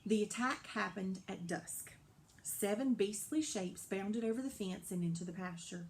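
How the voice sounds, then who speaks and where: A woman narrating a children's novel aloud in a lively, dramatic storybook style. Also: mid-range voice, normal speed, a little hiss or hum. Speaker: audiobook narrator.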